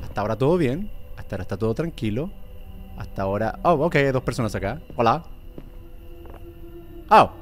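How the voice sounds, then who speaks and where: Playful man joking through a game. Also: medium pitch. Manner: playful, joking, talks to himself. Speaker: gamer. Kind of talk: let's play commentary.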